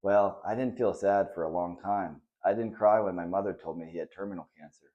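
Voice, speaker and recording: A man reading the part of a kind, patient father who talks softly and reassuringly to his son in a children's story. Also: low-pitched, fairly quick, dull audio, lightly acted. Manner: soft and reassuring.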